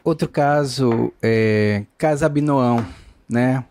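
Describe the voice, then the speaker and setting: A man's voice: medium pitch, slow, a little mellow, slight background noise. A man hosting an interview, asking questions in a loose, conversational way with tag questions. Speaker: host and interviewer.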